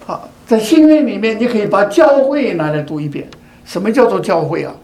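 A man's voice: high-pitched, brisk, crowd noise. An older man giving a sermon, speaking in repeated phrases and asking rhetorical questions such as whether the listeners agree. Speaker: preacher. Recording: echoey room.

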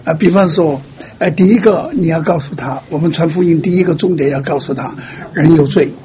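A man with a slightly high voice counsels a caller in a patient, teaching way. He lays out each point slowly and keeps softly checking in. The sound is muffled and lo-fi. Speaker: pastor answering a caller. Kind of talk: pastoral counseling.

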